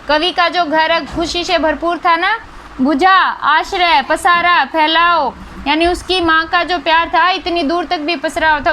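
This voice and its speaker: A young woman teaches a school lesson in a very high, bright voice. She explains patiently and keeps checking in with her listeners. A faint hiss sits under the close recording. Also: low-quality recording. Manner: patient, repeats key words with frequent "ठीक है" and "है ना".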